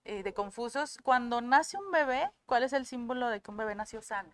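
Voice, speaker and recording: A woman's voice: fairly high pitch, brisk, a bit bright, dry recording. A woman, a guest on a talk show, explaining feelings and acting out the voices she quotes. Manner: acts out quoted voices vividly.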